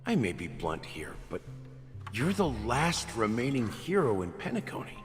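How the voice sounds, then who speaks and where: A man's voice: mid-range voice, wildly swooping pitch, moderate pace. An actor voicing a blunt, skeptical man in a game. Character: blunt, wary male investigator. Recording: game audio with reverb and music.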